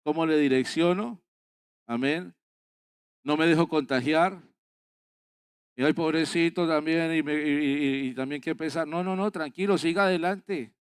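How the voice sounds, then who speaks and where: A man's voice: a little high, unhurried, long pauses, smooth, dry recording, studio quality. A man preaching a sermon as pastor at a church service, earnest and exhorting, repeating phrases for emphasis.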